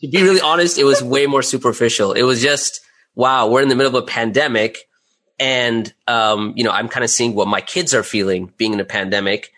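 A middle-aged man with a brisk, fairly bright mid-range voice talks casually as an interview guest. He's candid and self-deprecating about his own creative work, chuckling as he speaks.

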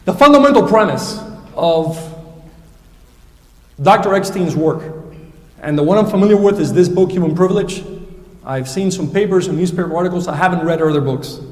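A man giving formal, pointed remarks as a speaker in a debate, measured and academic in tone. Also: high voice, a little mellow. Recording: echoey hall, distant mic.

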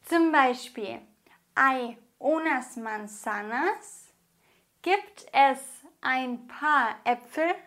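A woman from Germany teaches a grammar lesson with a high voice. She speaks slowly and enunciates each word with care, like a patient teacher. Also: animated, a bit bright. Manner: slow, carefully enunciated explaining. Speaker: Spanish teacher.

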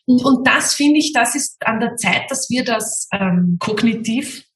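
Woman, slightly high voice, reflective, thinks aloud, roomy sound, set back from the mic. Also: lively intonation, a little slow, recorded from a distance. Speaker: guest, mother of two. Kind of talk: casual conversation.

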